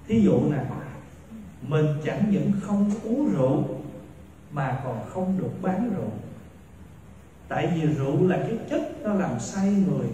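A man's voice: sits high, warm tone, highs cut off, slight background noise. A man in his forties with a Southern Vietnamese accent, a Buddhist monk giving a Dharma talk and playfully acting out little everyday dialogues. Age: 40s. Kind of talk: Dharma talk with questions and answers. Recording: echoey hall, voice far from mic.

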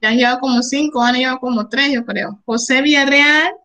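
A woman's voice: high-pitched, fairly even intonation, fairly quick, bright, forceful tone, poor audio. A woman English teacher with a Panamanian Spanish accent, coaching students in an online class, encouraging and praising, switching between Spanish and English.

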